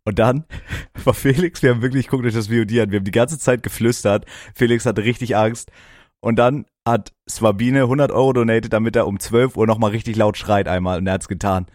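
A man's voice: on the low side, fairly even intonation, a little fast, darkish tone, no room sound, studio quality. A young man co-hosting a podcast, joking crudely and teasing his friend in casual chat. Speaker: podcast co-host.

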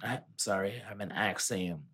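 A man hosting a casual podcast, animated and teasing, swearing casually as he chats. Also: lowish voice, normal speed. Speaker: podcast host.

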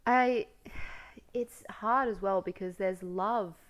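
A woman's voice: mid-range voice, takes it slowly. A young woman co-hosting a podcast in casual chat, gushing and effusive with frequent fillers. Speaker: podcast co-host.

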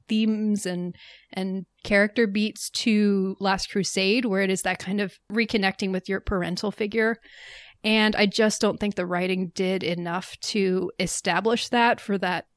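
A woman's voice: medium pitch, no echo. A woman co-hosting a film podcast, talking in a chatty, thoughtful way and laughing easily. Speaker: podcast co-host. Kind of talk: casual chat.

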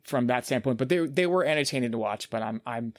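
A man hosts a casual podcast chat, speaking fast and animatedly at a medium pitch and often repeating words while he gathers his thoughts. The recording is studio quality with no echo.

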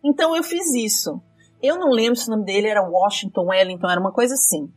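A woman's voice: mid-range voice, fast, breathy edge, recorded from a distance, faint music behind. A woman, telling a dramatic story from her rideshare driving in casual chat. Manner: lively, dramatic retelling with quoted dialogue.

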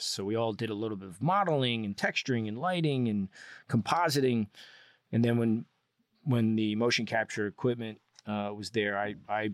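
A man's voice: fairly low pitch, no echo, studio quality. A man, a guest on an interview show, telling long enthusiastic stories about his work with lots of restarts. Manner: enthusiastic, rambling explanations with frequent restarts. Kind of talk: casual interview storytelling.

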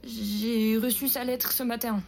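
Nervous, stammering married woman in a radio drama, slow, fairly high voice. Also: level tone, a little mellow, a little hiss or hum. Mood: hesitant. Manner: hesitant, stammering, pleading. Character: anxious married woman under hypnosis.

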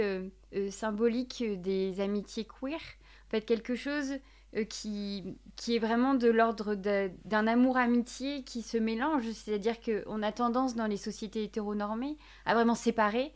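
Woman host asking winding questions. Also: medium pitch. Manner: long winding questions, many euhs. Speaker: host, interviewer. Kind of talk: interview questions.

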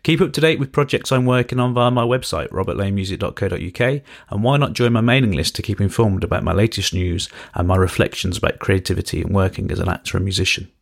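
A man's voice: deep voice, quick pace, gravelly, few pauses. A man in his thirties from Birmingham, hosting a podcast and reading his own story with dry, wry understatement. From Birmingham, England. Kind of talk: scripted first-person storytelling.

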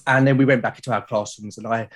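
A fast-talking British illustrator in his forties, medium in pitch and steady in tone, appears as a podcast guest. He chats casually, sounding both reflective and enthusiastic.

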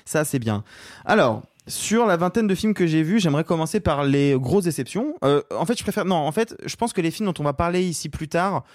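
A man's voice: fairly high pitch, expressive, a little fast, no room sound, studio quality. A young man, a film critic on a podcast panel, telling a story in a chatty, jokey way. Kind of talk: casual film chat.

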